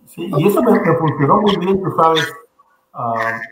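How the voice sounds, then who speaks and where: A man's voice: fairly high pitch, very animated, measured pace. Male host, hesitant and filler-heavy, recorded in an echoey room with noise. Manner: hesitant, many fillers like 'este'. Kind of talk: interview conversation. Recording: roomy with noticeable noise.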